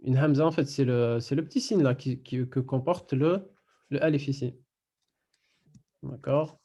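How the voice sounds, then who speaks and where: A man teaching a Quran recitation class online, patiently explaining step by step and repeating words slowly. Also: medium pitch, mellow, muffled recording.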